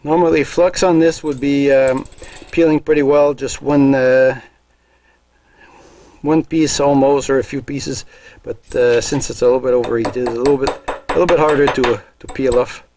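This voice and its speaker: A man's voice: medium pitch, steady tone, normal speed, noisy background. Hesitant man explaining in his workshop. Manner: hesitant, many fillers and restarts; matter-of-fact, thinking aloud. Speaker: welding channel host. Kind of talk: casual workshop demonstration. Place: home garage workshop.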